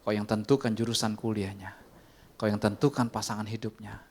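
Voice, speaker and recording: A man preaching a sermon in a church, emphatic and conversational, sometimes rising sharply in pitch for emphasis. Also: level tone, a little fast, darkish tone. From Indonesia. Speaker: pastor. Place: church hall.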